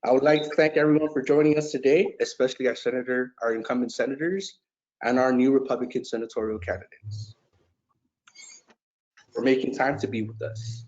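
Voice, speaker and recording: A man's voice: medium pitch, steady tone, brisk, darkish tone. A man hosting a forum, giving a polite scripted welcome. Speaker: host. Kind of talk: formal welcome address. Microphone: video call. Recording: dull lo-fi video call audio.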